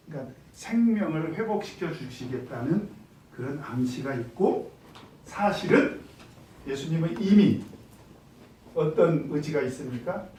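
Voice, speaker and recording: A man's voice: a little high, slight background noise. A man, a pastor leading a Bible study, who asks the group questions, answers them himself and acts out the quoted lines. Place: church room. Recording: echoey room, mic at a distance.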